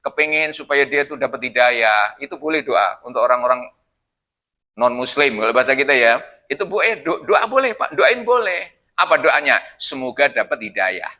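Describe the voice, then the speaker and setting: A man's voice: mid-range voice, expressive, moderate pace, pushed and bright. An older man giving a chatty mosque study sermon, joking and throwing questions at the congregation. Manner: chatty, jokey, keeps asking the audience questions. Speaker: preacher.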